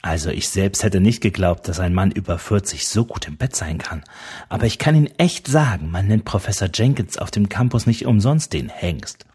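A man's voice: deep voice, expressive, moderate pace, darkish tone, slightly rough, full character voice. A man reading an audiobook who voices a cheeky, brash young woman with mocking sass. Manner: mocking, gum-chewing sass. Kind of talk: audiobook character voice.

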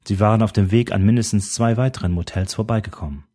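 Deep, husky male audiobook narrator. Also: quick pace, dark tone.

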